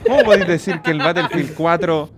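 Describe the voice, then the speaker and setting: Excitable young Chilean streamer, slangy. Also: male voice, fairly high pitch, brisk, a crowd in the background. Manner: excitable, profane, joking. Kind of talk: casual gaming stream commentary.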